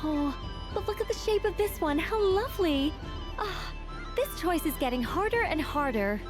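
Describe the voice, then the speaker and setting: A woman playing a dainty, fussy young woman in a video game, earnest and dreamy as she deliberates. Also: very high-pitched, expressive. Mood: admiring. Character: dainty, fussy young woman who savors small choices. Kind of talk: video game character acting. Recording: music behind the voice.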